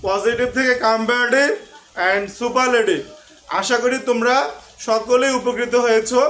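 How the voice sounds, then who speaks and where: A man's voice: very high voice, a bit bright. A man teaching an online grammar lesson. He mixes English words into his speech and keeps putting rhetorical questions to his students. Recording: echoey room with faint background noise.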